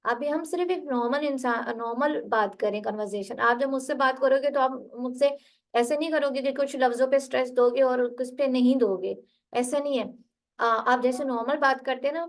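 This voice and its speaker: A woman's voice: sits high, rough recording. A woman tutoring a student one-on-one for a spoken English test, patiently correcting word stress and reading. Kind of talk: online tutoring session.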